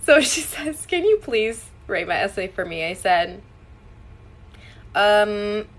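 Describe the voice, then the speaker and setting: A young woman telling a funny personal story in a casual, animated way and acting out the dialogue. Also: mid-range voice, slow. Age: young adult. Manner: animated, acts out quoted dialogue.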